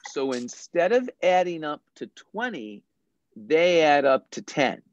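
A math teacher patiently and deliberately explaining a puzzle to young children in an online class. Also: mid-range voice, very animated, dull audio.

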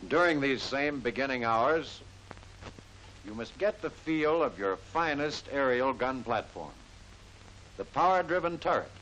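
A middle-aged American man giving formal, instructive mid-century newsreel-style narration for a military training film, in measured phrases. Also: mid-range voice, expressive, a bit bright. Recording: hissy, noisy vintage film soundtrack.

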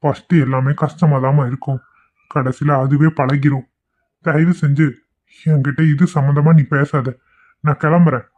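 A man's voice: a little high, flat delivery, moderate pace, darkish tone, muffled recording, close to an everyday voice. A man voicing a weary young man in a cartoon, resigned and pleading to be left alone.

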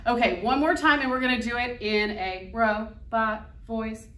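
Kids' ministry teacher, woman, playful and coaxing, slightly high voice, roomy and distant. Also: fairly even intonation, measured pace, a bit bright. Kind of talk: teaching a Bible verse with motions to small kids. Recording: echoey room, voice from off-mic.

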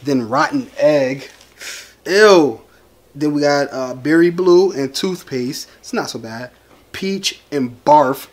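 A man's voice: fairly high pitch, slow pace, slight background noise. A young American man hosting a home vlog in casual, playful chat, teasing and egging someone on. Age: young adult. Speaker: vlog host. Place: living room sofa at home. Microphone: camera at about arm's length.

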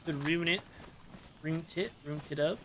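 A man's voice: on the high side, a little slow, a bit bright, slight background noise. A man chatting casually while playing a co-op game, joking and swearing with his partner. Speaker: gamer.

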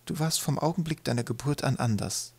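A man voicing a fond troll mother in an audiobook, with a high, throaty, gurgling voice and soft, tender storytelling. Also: a little fast, husky, no room sound. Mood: wistful. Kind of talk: audiobook character voice.

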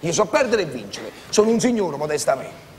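A man's voice: a little high, sing-song, a little fast, in a large hall, a little hiss or hum. An actor playing a fussy, grumbling man with a Neapolitan accent who lectures the others in a film comedy. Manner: fussy, grumbling, self-important sore loser. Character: middle-aged man, grumbling sore loser. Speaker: lead character in a film comedy.

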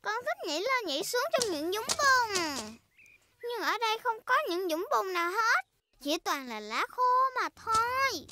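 Very high-pitched, playful little girl pig. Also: very animated, normal speed, pushed and bright, slight background noise, full character voice. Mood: curious. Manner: childlike, exclaiming. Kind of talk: Vietnamese cartoon dub. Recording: music behind the voice.

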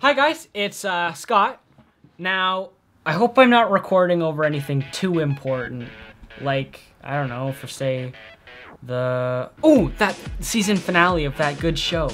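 A teenage actor playing a petty, easily sidetracked apocalypse survivor who rambles and keeps apologizing in a comedic short film. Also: male voice, a little high, unhurried, a bit bright, faint music behind. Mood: rambling. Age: teens. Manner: rambling, self-interrupting, apologetic asides. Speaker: survivor recording a video message.

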